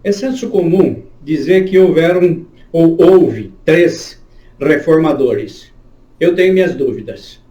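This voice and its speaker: A man with a notably high voice gives an emphatic, lecture-like answer as a pastor and church history teacher. His tone is dark and mellow in spite of the pitch. The sound is roomy with clear echo. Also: takes it slowly, lo-fi sound. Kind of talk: answering an interview question at length.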